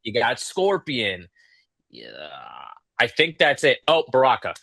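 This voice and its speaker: A man's voice: mid-range voice, sing-song, measured pace, pushed and bright, no echo. A man co-hosting a podcast, talking bluntly in casual chat and swearing freely. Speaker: podcast co-host.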